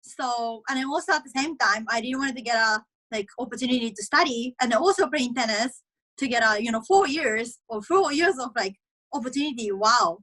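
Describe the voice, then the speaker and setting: A young Japanese woman, a college tennis player, chats in a casual video-call interview, her accented non-native English packed with "like" and "you know." Her voice is on the high side, fairly quick, pushed and bright, and she giggles often. The recording is rough.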